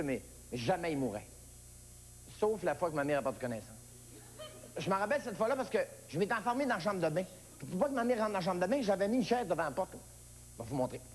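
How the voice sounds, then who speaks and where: A high, lively Québécois man tells a comic childhood story at a quick clip, jumping into little character voices as he goes. The sound comes from an old TV recording with a clear hiss underneath. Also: in a large hall. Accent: Québécois French. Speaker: stand-up comedian. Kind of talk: comic monologue.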